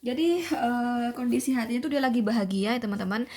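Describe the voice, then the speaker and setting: A woman's voice: on the high side, animated, a little fast, darkish tone. A young woman giving a chatty tarot reading to viewers, repeating herself often with many fillers and tag questions. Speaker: tarot reader.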